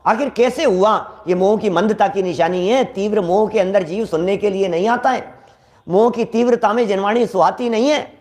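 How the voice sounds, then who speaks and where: A man with a notably high voice delivers a scripture sermon in an animated, conversational way. He speaks directly to his listeners and repeats key lines for emphasis. Now and then he acts out everyday exchanges to make his point. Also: normal speed. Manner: animated, acts out quoted dialogue from daily life. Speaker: Jain scripture lecturer.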